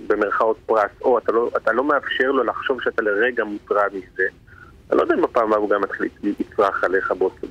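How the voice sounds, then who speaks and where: A man appearing as a guest lawyer on a radio show, speaking in a measured, reflective way. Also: lowish voice, fairly bright tone, breathy edge, dull audio. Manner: measured, reflective, quotes sayings. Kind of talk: radio interview answer.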